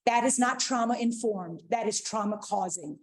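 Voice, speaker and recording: A woman's voice: on the high side, moderate pace. A woman giving an earnest, pleading public comment at a school board meeting, repeating her appeals. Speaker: public commenter, district administrator and parent.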